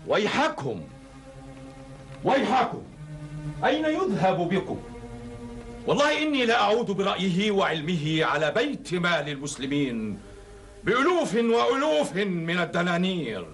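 A man's voice: lowish voice, huge pitch swings, moderate pace. A middle-aged man playing a pious, humble but firm caliph in a classical Arabic historical drama, speaking in a solemn, formal way. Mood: indignant, emphatic. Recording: dated TV drama soundtrack with music.

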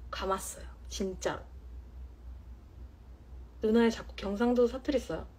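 Breathy woman chatting on a livestream. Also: fairly high pitch, dark tone. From Jeonju, Korea. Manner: playful, teasing, drawn-out emphasis. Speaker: livestream host. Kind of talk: casual live-stream chat reading comments. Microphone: phone.

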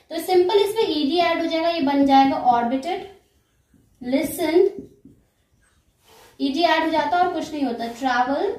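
A woman's voice: high voice, a little mellow, roomy sound. A woman teaching English grammar in a recorded lecture, explaining step by step and answering her own questions.

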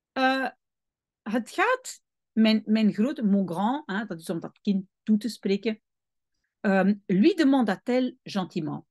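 A woman, reading from a French novel and explaining words to her students. Her speech is slow and patient, her voice rising and falling a lot, and the recording is dry and close. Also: mid-range voice, darkish tone, dry recording. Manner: slow, patient, with frequent hesitations and self-corrections. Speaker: French teacher.

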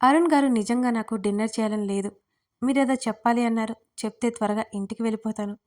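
A woman voicing a young married woman who shouts and scolds in anger. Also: a little high, steady tone, fast, lightly acted. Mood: annoyed, puzzled.

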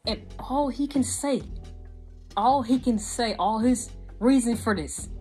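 A woman's voice: fairly high pitch, takes it slowly, faint music behind. A young woman giving a frank, exasperated anime review in casual vlog style, talking with lots of hand gestures. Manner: animated, gestures a lot while talking. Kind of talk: casual video commentary. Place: small indoor room with a gaming desk setup.

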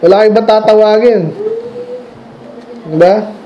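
A man's voice: sits high, steady tone, measured pace, dark tone, highs cut off, a little hiss or hum. A man preaching a sermon in a church, conversational, asking the congregation questions and laughing at his own stories. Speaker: pastor.

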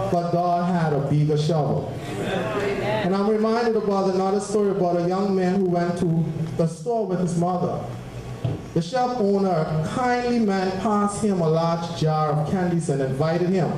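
A young man from Turks and Caicos preaching about giving in a church, speaking into a handheld mic with fervent, rhythmic repeated phrases. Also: high voice. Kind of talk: offering exhortation. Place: large church hall with congregation. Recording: very echoey church hall.

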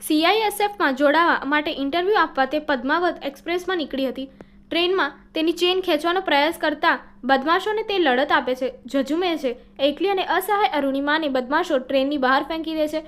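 A woman teaching by reading workbook answers aloud in a steady, explanatory way, now and then correcting a slip. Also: high voice, a little fast.

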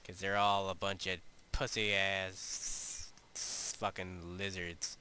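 Low-voiced gamer swearing through commentary. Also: male voice, little pitch movement, takes it slowly, sharp tone, slight background noise. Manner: crude, swearing, offhand. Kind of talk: let's play commentary.

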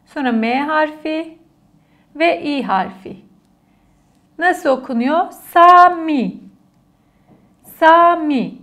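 A woman's voice: high-pitched, slow, pauses often. A woman teaching an alphabet lesson to children, patiently repeating each letter and word aloud for the class to copy. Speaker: language teacher.

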